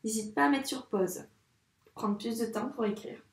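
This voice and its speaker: A woman teaching young children handwriting, speaking slowly and encouragingly and addressing the child directly. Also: on the high side, creaky. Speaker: primary school teacher. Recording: echoey room, voice a bit far from the mic.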